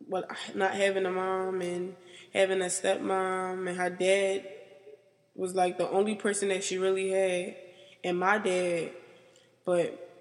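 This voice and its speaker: A young woman speaks haltingly about her life, her sentences stopping and restarting around a steady stream of "like." Her voice rings with a long reverb. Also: medium pitch. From United States. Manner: halting and rambling, filled with "like". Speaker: interviewee. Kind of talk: personal interview.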